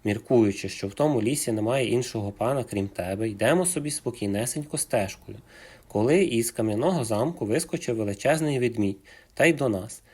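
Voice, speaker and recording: A man voicing a small, timid but cunning male hare who speaks politely and flatteringly, with a husky voice. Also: mid-range voice, fairly quick. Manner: polite, flattering, as courteous as he can.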